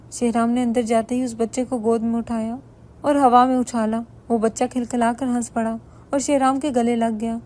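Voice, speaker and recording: Lady reading a bedtime story, flat steady delivery, soft dark tone. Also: fairly high pitch. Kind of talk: first-person story narration.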